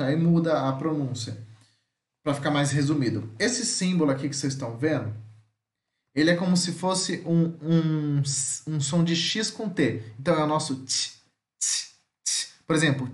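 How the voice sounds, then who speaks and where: A man from Brazil teaching a phonetics lesson, patiently repeating speech sounds and checking in with tag questions. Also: on the high side. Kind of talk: home-schooling phonetics lesson. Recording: echoey room.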